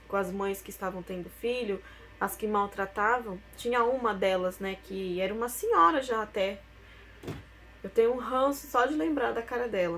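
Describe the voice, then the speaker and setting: A woman's voice: medium pitch, a bit bright. A young woman, telling her own story as a personal testimony, emotional and tearful at times.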